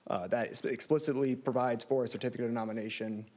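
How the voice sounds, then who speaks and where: Man, thirties, middle-pitched voice, lawyer, formal oral argument. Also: steady tone, fast, darkish tone. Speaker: lawyer arguing an appeal. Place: large courtroom. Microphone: lectern microphone.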